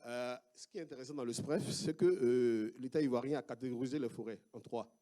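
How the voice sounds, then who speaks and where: A man with an Ivorian French accent, a sociologist giving an academic talk with slides, speaking haltingly with many fillers and restarts. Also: mid-range voice, warm tone. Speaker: sociologist presenting research.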